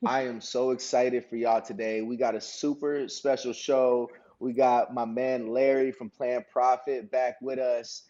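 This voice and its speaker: Hyped-up man hosting, mellow lo-fi sound. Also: mid-range voice, little pitch movement, measured pace, few pauses. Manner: hyped, slangy, addresses audience as y'all. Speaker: podcast host. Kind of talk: casual interview chat.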